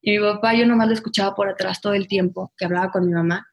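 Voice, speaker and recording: A woman's voice: medium pitch, quick pace, vocal fry. A woman, a guest talking in a casual interview and acting out quotes as she tells her story. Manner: animated storyteller, acts out quotes. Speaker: guest, former pageant winner.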